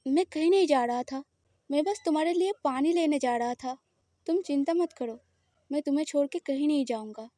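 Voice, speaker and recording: A woman's voice: sits high, brisk, no echo, studio quality, close to an everyday voice. A woman voicing a protective, possessive woman who firmly reassures her frightened partner. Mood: firm, soothing. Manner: firm, reassuring, slightly louder. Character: possessive, protective woman lover, firm and soothing.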